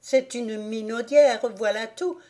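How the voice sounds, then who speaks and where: A spiteful young spinster from a storybook village, sneering and indignant, as a woman reader puts her on. Her voice sits raised and loud, with a mellow, soft-edged tone underneath. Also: on the high side, takes it slowly, voice pushed up. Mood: scornful.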